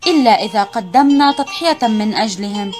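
A narrator voicing a small, gentle, wise female eraser in an animated story for children. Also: mid-range voice, a little fast, soft background music, lightly acted. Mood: earnest.

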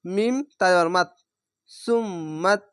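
A man teaching Quran reading, with a Bangladeshi Bengali accent, who spells out each syllable slowly and stretches the vowels. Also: high-pitched, fairly even intonation, a bit bright, smooth, no room sound, studio quality. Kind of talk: spelling-out recitation lesson.

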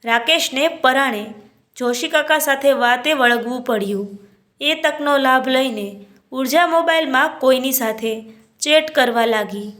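A woman's voice: sits high, measured pace, fairly bright tone. A woman reading a family drama aloud as a storyteller, narrating in her own voice and speaking every character's lines without putting on voices.

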